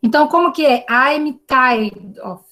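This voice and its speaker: Woman, Brazilian Portuguese accent, teacher, remote class, patient and explanatory, slightly high-pitched. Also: a little slow, background noise. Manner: patient, explanatory, frequent tag questions. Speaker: English teacher. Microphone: video call.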